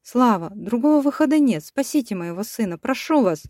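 A woman's voice: fairly high pitch, animated, brisk, a little mellow, no room sound, clean studio sound, voice pushed up. A woman voicing a desperate young mother who speaks in a tense, pleading way in an audiobook. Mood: tender.

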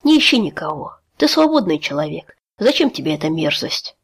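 A woman's voice: deep voice, big pitch swings, a little fast, slightly rough, heavily acted. Woman doing a weary, bitter young man. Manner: tired, quiet, cutting.

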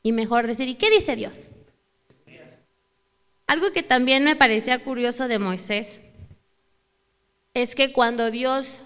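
A woman with a Mexican accent preaching a sermon, acting out prayers and questions in a raised, animated voice. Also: a little high, a little slow, pauses often, smooth. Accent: Mexican Spanish. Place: church hall. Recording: hall reverb.

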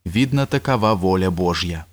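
A man reading an audiobook, voicing a gruff male court favorite who speaks curtly and irritably. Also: sits low, animated, normal speed. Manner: curt, irritable, mocking.

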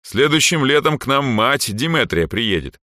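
A man's voice: mid-range voice, sing-song, moderate pace, pushed and bright, dry recording, studio quality, pitched above the performer's own voice. Man doing a sly playful young guy, slightly raised voice, audiobook.

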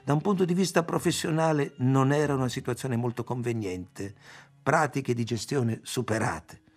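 A man's voice: mid-range voice, moderate pace, natural voice. A man reading aloud as a self-assured young man who boasts about business schemes. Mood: boastful.

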